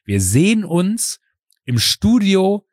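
A man hosting a casual chat who tells a personal story, acting out the voices he quotes and filling pauses with "uh". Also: sits high, no room sound, studio quality. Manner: lively storyteller who acts out quoted voices, frequent "äh" fillers.

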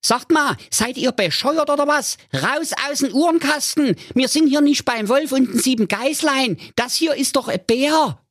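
Man doing a shrill scolding mother. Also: animated, moderate pace, few pauses, a bit bright, no room sound, studio quality. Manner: scolding, high falsetto. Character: gruff, bossy trailer-park mother.

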